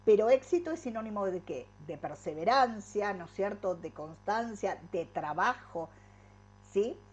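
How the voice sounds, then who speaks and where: A woman's voice: mid-range voice, lively intonation, measured pace. Middle-aged woman, lo-fi call audio. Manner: peppers points with rhetorical tag questions. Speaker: workshop speaker. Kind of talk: inspirational talk.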